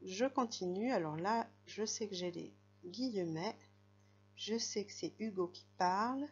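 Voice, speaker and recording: A woman gives a reading lesson to young children. She talks slowly and patiently, spelling out letters and syllables one at a time. The recording sounds dull and lo-fi. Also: mid-range voice. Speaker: teacher.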